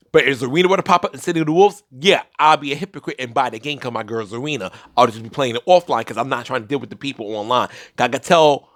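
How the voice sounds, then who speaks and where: A man's voice: mid-range voice, a bit bright, no room sound, clean studio sound. A young man giving casual solo commentary on a fighting game, rambling with restarts and fillers. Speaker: gaming commentator.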